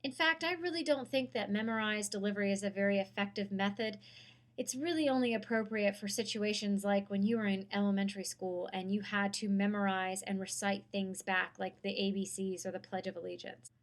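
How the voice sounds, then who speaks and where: Woman giving a clear lecture. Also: medium pitch, fairly even intonation. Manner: clear, measured, explanatory. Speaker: public speaking instructor. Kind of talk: recorded course lecture.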